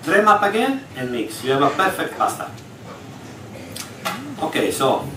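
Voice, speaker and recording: On stage in a large hall aboard a ship, an executive chef walks an audience through a live cooking demonstration step by step, speaking English that is slightly broken. His voice is a little high and very animated, his pace a little slow. The recording comes from far off in the echoey hall, with background noise.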